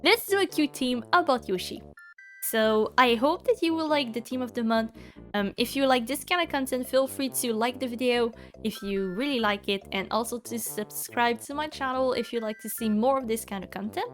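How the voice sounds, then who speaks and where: With faint music playing underneath, a young Quebecoise woman narrates her bullet journal video in English as a second language, her Quebec French accent clear. Her slightly high voice moves at a moderate pace, peppered with ums and likes and frequent laughter in a chatty voice-over.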